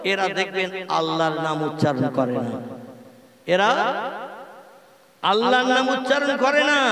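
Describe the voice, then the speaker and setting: A man's voice: sits high, a bit bright. A man preaching a sermon to a big gathering, joking and quizzing the listeners. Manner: humorous, questions the crowd. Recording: echoey hall, crowd noise.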